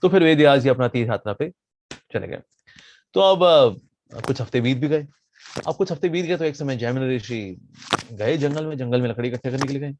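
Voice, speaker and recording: A man, a monk preacher, telling a story in a sermon with playful, animated delivery. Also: medium pitch, a little fast, pauses often, a little hiss or hum.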